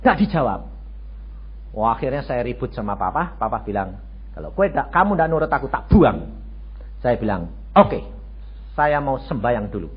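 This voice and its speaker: An older man preaching a sermon, jumping between loud exclamations and low asides and throwing rhetorical questions at the congregation. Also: very animated, normal speed, breathy edge. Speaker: pastor. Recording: dull lo-fi radio broadcast.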